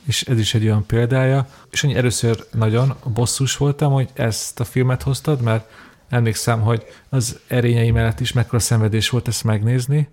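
A man's voice: mid-range voice, fairly even intonation, a little mellow. A young man co-hosting a film podcast, talking casually and often repeating words as he thinks. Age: young adult. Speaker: podcast co-host.

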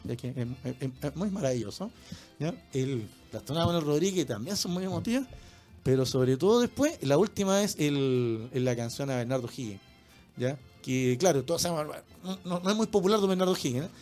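A Chilean man hosts a relaxed radio chat, his voice a touch high. He keeps tossing in small tag questions as he talks. Soft music plays faintly behind him. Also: a little fast. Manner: peppers speech with tag questions. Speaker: radio host.

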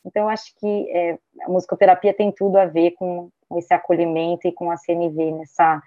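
A woman's voice: fairly low pitch, a little fast, no room sound. A woman with a Brazilian Portuguese accent, a music therapist in her thirties, talking casually in a panel conversation and tagging her sentences with a questioning 'né'. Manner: chatty, tags nearly every sentence with a questioning 'né', restarts often; gets lively when retelling a story. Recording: dry, slightly dull call audio.

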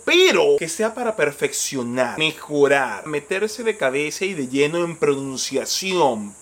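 A man's voice: high-pitched, fairly bright tone. A man with a Venezuelan Spanish accent giving a casual, opinionated monologue in a colloquial, emphatic way, with some mild swearing. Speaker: vlogger giving advice to migrants.

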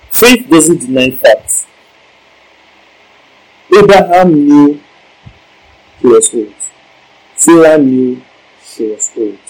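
A man's voice: a little high, low-quality recording. A male preacher giving a Bible-teaching sermon, emphatic, repeating key lines and asking the congregation questions.

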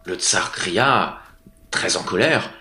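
A man narrating a fairy tale in a rhythmic, expressive reading with chanted refrains. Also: low voice, slow pace. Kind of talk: storybook reading. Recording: echoey room.

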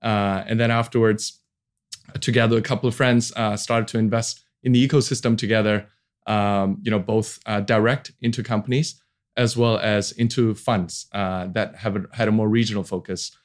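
In a lowish, fairly even voice at normal speed, a man in his forties from Hong Kong talks casually about his career. He is a venture capital founder being interviewed on a podcast, and he hesitates as he speaks.

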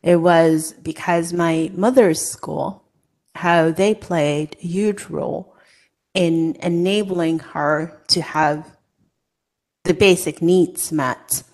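A woman's voice: fairly low pitch, fairly even intonation, takes it slowly, darkish tone. A woman from Hong Kong, a co-author sharing a personal story in an earnest, conversational way. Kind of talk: casual conversation.

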